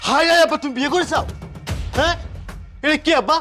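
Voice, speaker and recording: Jilted young son played by a man, accusing and wailing, high and rapid, Bangladeshi colloquial accent. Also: pushed and bright, soft background music. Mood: indignant. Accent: Bangladeshi colloquial Bengali.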